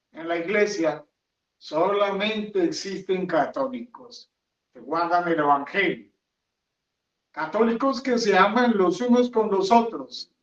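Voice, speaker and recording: A man, a friar, preaching a homily with an emphatic, repetitive cadence and rhetorical questions, recorded in a chapel. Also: sits high. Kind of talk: sermon. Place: chapel of a hermitage. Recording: echoey, dull sound from a distant mic.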